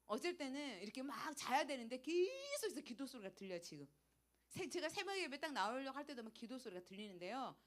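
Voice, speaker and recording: A woman's voice: sits high, sing-song, brisk. A middle-aged woman giving an emotional personal testimony in a church lecture, acting out her own prayers as she tells the story.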